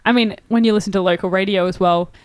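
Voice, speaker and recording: A woman's voice: mid-range voice, fairly even intonation, quick pace, clean tone, dry recording. A young woman in a band, chatting casually, rambling with lots of fillers. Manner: rambling, laughs often, many fillers. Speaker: band member. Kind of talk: casual chat.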